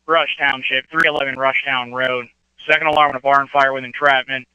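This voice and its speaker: A man's voice: mid-range voice, little pitch movement, fairly quick, bright, forceful tone, smooth, dry recording, dull audio. A man working as a fire dispatcher, delivering clipped dispatch calls over two-way radio. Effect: two-way radio transmission.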